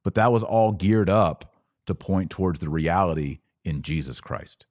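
His low voice moves at a measured pace with a darkish tone, recorded at studio quality without echo. The American man is hosting a podcast, and his live talk with listeners turns preachy, emphatic and didactic, full of repeated phrases.

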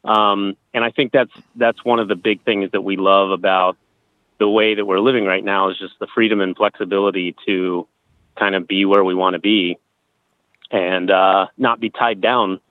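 A man's voice: deep voice, fairly even intonation, normal speed, no room sound. A man in his thirties talking casually as an interview guest, sharing his own experiences. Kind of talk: casual conversational interview, telling personal experiences. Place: outdoors at a campground. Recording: thin phone-like line.

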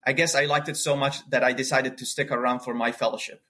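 A man's voice: mid-range voice, level tone, fast, sharp tone. Friendly man from Syria. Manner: friendly, lightly joking. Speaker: cardiology fellow guest. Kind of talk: prepared self-introduction.

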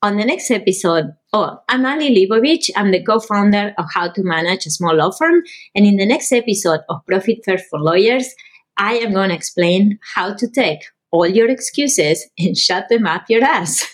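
A woman guest tees up the next episode of a podcast. She talks bluntly and with a joking edge, in a mid-pitched voice. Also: animated, normal speed. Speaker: guest, law firm business co-founder. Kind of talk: casual promo for next episode.

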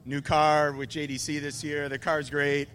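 A man, a winning racing driver, giving a post-race interview in an upbeat, halting way. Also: a little high, level tone, a bit bright, slight background noise.

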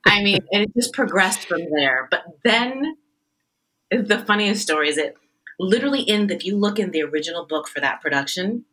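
A woman's voice: mid-range voice, expressive, fairly quick, sharp tone, poor audio. A woman, a stage actress, chatting animatedly in an interview and often cutting herself off mid-sentence. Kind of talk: anecdotal interview storytelling.

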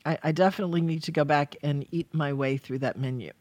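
A woman's voice: sits low, fairly even intonation, quick pace, a little mellow, no echo. A woman hosting a radio talk show in casual chat, repeating phrases for emphasis. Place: radio studio.

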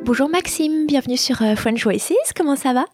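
A young woman hosting a podcast interview, talking in a quick, chatty way with frequent hesitations. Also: high voice, lively intonation, loud music behind the voice. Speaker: podcast host.

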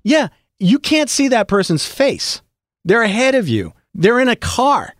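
A middle-aged man who voices for a living, talking as a podcast guest in an animated, storytelling way with frequent restarts. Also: extremely high pitch, measured pace, no room sound, clean studio sound. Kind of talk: casual conversation.

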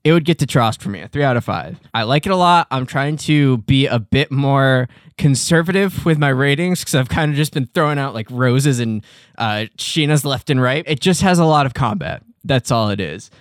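A man's voice: mid-range voice, moderate pace, dry recording, clean studio sound. A man co-hosting a podcast in casual chat, laughing and swearing as he recaps an episode. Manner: laughing, swearing, loose and animated. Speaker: podcast co-host.

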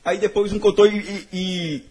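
A man's voice: sits high, fairly even intonation, normal speed, darkish tone, husky. A young man telling a funny personal story on a podcast, laughing often and swearing freely. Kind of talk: casual chat.

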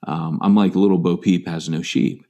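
A man's voice: low voice, fairly even intonation, moderate pace, warm tone, lo-fi sound. An American man, middle-aged, a pastor telling his own story in an interview, earnest and self-deprecating, with many fillers and restarts. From United States.

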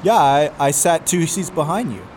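A man's voice: fairly high pitch, normal speed, darkish tone, faint music behind, close to an everyday voice. A man voicing an awkward young man chatting up a stranger in a comedic screenplay read-through, hesitant and stumbling.

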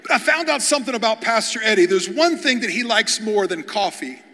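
High-voiced preacher in a reverberant hall. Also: male voice, lively intonation, fairly quick, bright, forceful tone. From Kentucky, USA. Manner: humorous, repeats words when starting sentences. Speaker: guest pastor. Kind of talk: storytelling sermon. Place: large church hall before an audience.

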